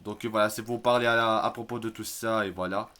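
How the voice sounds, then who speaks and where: A man giving casual spoken commentary on news articles, hesitant, filling pauses and restarting his sentences. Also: lowish voice, steady tone, sharp tone. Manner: hesitant, many fillers and restarts, admits stumbling over words. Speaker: YouTube news vlogger.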